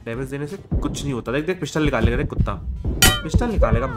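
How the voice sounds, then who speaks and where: A man's voice: medium pitch, rapid-fire, very noisy. A young man, sick with a cold and fever, giving casual gameplay commentary and scolding an enemy player. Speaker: gaming streamer. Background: game music and gunfire.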